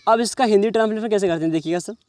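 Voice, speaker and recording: A man's voice: high voice, dry recording. A man teaching an English reading lesson, explaining each English word in Hindi and often checking whether the listener understands. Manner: reads English words slowly, then explains each in Hindi; keeps checking the listener with "समझ रहे हो".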